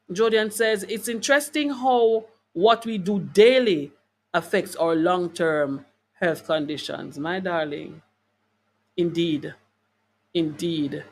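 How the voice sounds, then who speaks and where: In a mid-range voice, an emphatic woman leads a live wellness talk for online viewers and reads out their comments. Her delivery is preacher-like and conversational, full of repeated phrases for emphasis and rhetorical questions aimed at the audience.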